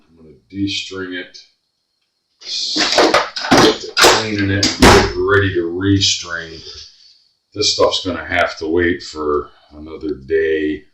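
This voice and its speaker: A man's voice: deep voice, sharp tone, recorded from a distance. A man repairing a guitar at his workbench, muttering to himself and grumbling as he works. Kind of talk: workbench commentary. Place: workshop bench. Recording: echoey room, voice off-mic.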